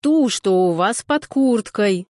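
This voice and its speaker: Женщина-чтец озвучивает грубоватого деревенского мужика, говорит медленно и с нажимом, будто рычит. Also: female voice, mid-range voice, a little slow, no echo, clean studio sound, close to an everyday voice. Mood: gruff. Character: gruff rural man, grumpy and blunt.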